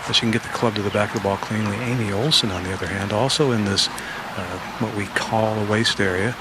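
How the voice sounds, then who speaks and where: A man giving live golf commentary in a measured, explanatory way. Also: lowish voice, fairly even intonation. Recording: loud outdoor noise.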